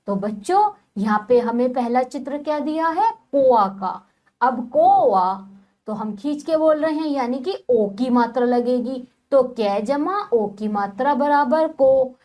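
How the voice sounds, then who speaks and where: A woman's voice: high-pitched, darkish tone. Patient woman teaching young children. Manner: patient, drawn-out syllable-by-syllable spelling; repeatedly addresses the children. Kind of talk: slow phonics lesson for young children.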